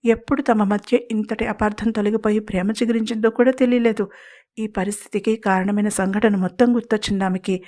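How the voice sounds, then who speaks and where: A woman storyteller reading a scripted family drama, steady and expressive. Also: medium pitch, fairly quick. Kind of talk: scripted audio story narration.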